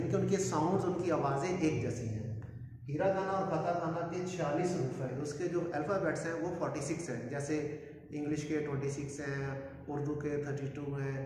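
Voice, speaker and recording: A man teaching a video lesson and slowly drawing out each sound in pronunciation drills. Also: a little high, darkish tone, slight background noise. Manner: slow drawn-out pronunciation drills. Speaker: language teacher. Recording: echoey room from far off.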